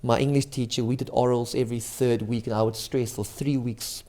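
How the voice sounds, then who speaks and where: A man's voice: medium pitch, steady tone, fairly quick, warm tone. A man, a guest magician in a casual interview, speaks with a slight stutter and lisp and jokes about himself often. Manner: self-mocking, jokey, laughs often.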